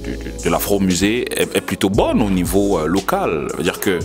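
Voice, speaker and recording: A man interviewing a guest, asking searching questions and offering soft agreement. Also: low-pitched, big pitch swings, normal speed, over music. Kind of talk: conversational interview.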